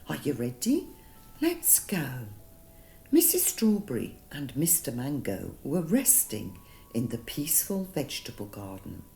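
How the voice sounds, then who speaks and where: With a deep voice, a woman tells children a gentle bedtime story. Her delivery is soothing and deliberate, and she lands dramatic emphasis on single words.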